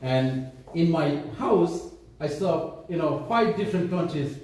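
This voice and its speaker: A middle-aged man from Bangladesh giving a halting speech full of fillers and restarts, as a councillor at an event. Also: a little high, expressive, darkish tone. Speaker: city councillor. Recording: echoey hall, voice from far off.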